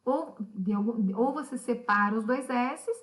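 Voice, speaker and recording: A woman's voice: a little high, a little slow. A woman, a patient teacher explaining a recorded language lesson to pupils.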